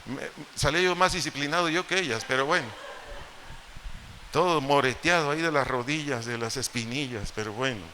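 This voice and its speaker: A man's voice: medium pitch, brisk, sharp tone. A man with a Mexican accent preaching a sermon as pastor, explaining scripture with rhetorical questions and humorous asides. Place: church hall. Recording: echoey church hall, faint noise.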